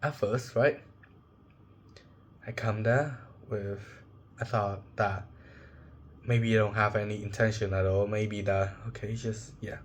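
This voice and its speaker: Slow, halting young man sharing a story. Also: on the low side, steady tone, slight background noise. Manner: halting, searching for words, emotional. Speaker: vlogger. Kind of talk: personal reflective monologue.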